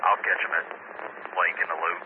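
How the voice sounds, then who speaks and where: A male patrol officer speaks over a police radio with a very low voice. He calls out streets and speeds tersely and matter-of-factly. The channel is tinny and narrow, with a steady hiss of static. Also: brisk. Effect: police radio transmission. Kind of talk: police radio updates from a moving car.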